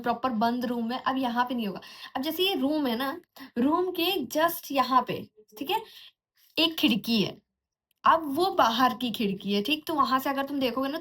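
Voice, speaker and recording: High-voiced young woman telling a spooky tale. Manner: animated, mimics eerie sounds like anklet jingles and giggles; chatty, restarts often, mixes in English words. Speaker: vlogger. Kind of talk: casual horror storytelling.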